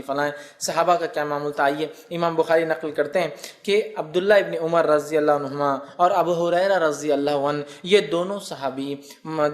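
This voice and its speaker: A man giving a religious lecture as a preacher. He explains step by step, recites Arabic phrases and asks the listeners rhetorical questions. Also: on the high side. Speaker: Islamic preacher.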